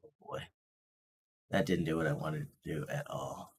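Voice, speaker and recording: A man's voice: very deep voice, little pitch movement, moderate pace, slight background noise. A man casually hosting a live watch-along stream, thinking aloud and muttering to himself as he fiddles with the stream controls.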